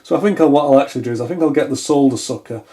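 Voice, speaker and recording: An electronics repair hobbyist and video host talks very fast in a warm, medium-pitched voice while working indoors at a wooden workbench. His hands-on repair commentary is casual, and he thinks aloud tentatively as he goes.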